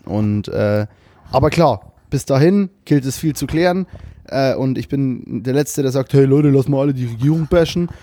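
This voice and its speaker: A man's voice: medium pitch, moderate pace, warm tone, no room sound, studio quality. A young man co-hosting a casual podcast, speaking loosely with slang, swearing and English words mixed in. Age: young adult. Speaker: podcast co-host. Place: remote call at a computer with webcam.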